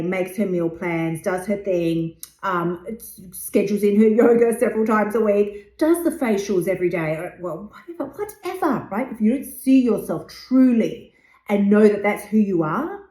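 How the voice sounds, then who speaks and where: A woman's voice: medium pitch, normal speed, mellow. A woman in her fifties hosting a motivational podcast, talking bluntly and emphatically and swearing freely. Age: 50s. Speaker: podcast host and weight loss coach. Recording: roomy echo.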